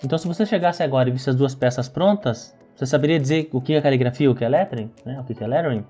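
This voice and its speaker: A man's voice: medium pitch, racing, warm tone, soft background music. A Brazilian man with a Brazilian Portuguese accent, teaching lettering and explaining while he demonstrates, often checking in with the listener.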